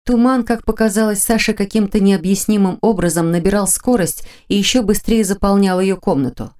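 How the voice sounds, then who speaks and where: A woman narrating a mystery audiobook in a measured, even storytelling manner. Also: mid-range voice. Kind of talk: scripted narration.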